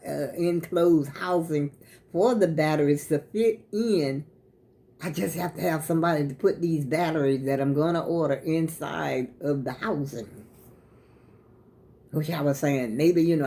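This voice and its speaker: A woman's voice: low-pitched, a little mellow. An American woman with plugged-up sinuses, chatting casually to her viewers in a folksy, rambling way. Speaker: vlogger. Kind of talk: casual chat vlog to viewers.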